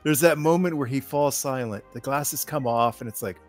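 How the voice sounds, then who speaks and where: A man's voice: medium pitch, normal speed, faint music behind. A man giving casual, amused and enthusiastic reaction commentary on wrestling.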